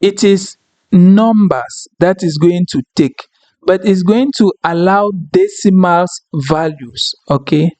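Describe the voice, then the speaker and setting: A tutorial instructor, a higher-pitched man with a darkish tone whose first language is French, explains a data tool step by step at an unhurried pace in a screen-recorded software tutorial. He keeps checking in with "okay?" and "right?", and his voice sounds close and dry, with no room echo.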